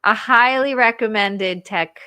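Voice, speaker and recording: A woman hosts a casual live interview with a bright, forward voice. She talks in an animated way and slips into little acted inner voices. The sound is dry and close. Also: a little high, measured pace, clean tone, no echo. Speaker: show host, marriage coach.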